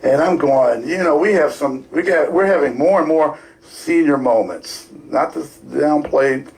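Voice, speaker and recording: A man's voice: on the high side, unhurried, a little mellow, low-quality recording. Radio co-host, man, Baltimore accent, rambling and filler-heavy, casual studio talk. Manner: rambling, lots of fillers and restarts.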